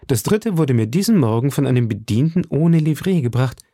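A man voicing a gallant, poetic young musketeer who speaks in a measured, courtly way. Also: medium pitch, expressive, warm tone, breathy edge, no room sound, studio quality, pitched above the performer's own voice.

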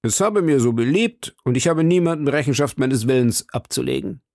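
A man's voice: mid-range voice, moderate pace, vocal fry, darkish tone, no room sound, clean studio sound, close to an everyday voice. A man reading an audiobook, voicing a proud, agitated English duke who gives orders imperiously. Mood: commanding. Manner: commanding, imperious.

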